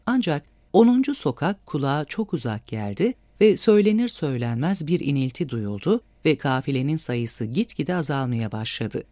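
A man reading a novel aloud as an audiobook narrator, with measured, expressive storytelling. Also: mid-range voice, no echo. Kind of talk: scripted narration.

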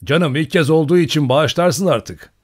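A man voicing a young gentleman in an audiobook, joking and apologetic. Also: mid-range voice, normal speed, pitched above the performer's own voice, natural voice.

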